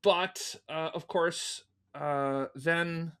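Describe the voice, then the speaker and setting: Slightly high and smooth, this man's voice stays steady and a bit bright, with drawn-out words. He's a fan audio drama producer interviewed as a guest, telling stories in long conversational answers and re-enacting remembered comments.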